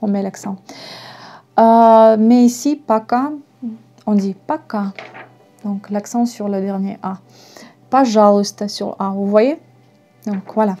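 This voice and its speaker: A woman's voice: medium pitch, steady tone, unhurried, long pauses, dark tone, soft background music. A woman with a Russian accent teaching a language lesson, patiently spelling words out letter by letter. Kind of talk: slow online language lesson.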